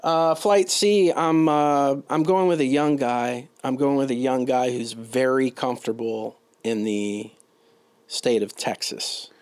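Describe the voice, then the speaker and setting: A man co-hosting a relaxed golf-picks show, with a teasing, joking manner. His voice sits in an ordinary middle register. The sound is dry and close, with no room around it. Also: medium pitch, slow, clear, resonant tone, no room sound. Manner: teasing, gives playful clues. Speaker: co-host. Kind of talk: casual golf-picks chat.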